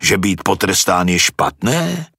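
A man voicing a calm, patient old philosopher who reasons through questions, in a storybook reading. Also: low-pitched, breathy edge, no room sound, studio quality, full character voice. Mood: probing.

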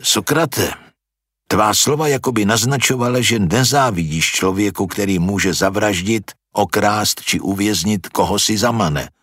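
A man's voice: fairly low pitch, fairly bright tone, slightly rough, no room sound, clean studio sound. A man voicing a brash, impatient young man who scoffs and argues, in a storybook reading.

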